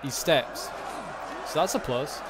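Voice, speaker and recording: A man with a slightly high voice gives casual battle commentary on a strategy game. He muses aloud as he follows the action, with faint noise behind him. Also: takes it slowly. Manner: musing, thinking aloud. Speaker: gaming commentator. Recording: noticeable background noise, game ambience. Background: video game battle ambience.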